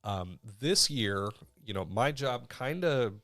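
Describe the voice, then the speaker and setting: A man in his thirties co-hosting a podcast, chatting in a relaxed, rambling way with lots of fillers. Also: mid-range voice, takes it slowly, no echo, clean studio sound. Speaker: podcast co-host. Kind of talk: casual chat.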